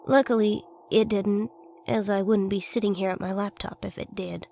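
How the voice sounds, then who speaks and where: A woman's voice: medium pitch, level tone, a little fast, creaky, warm tone. A woman reading a scripted first-person horror story as its narrator. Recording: faint noise and ambience behind voice.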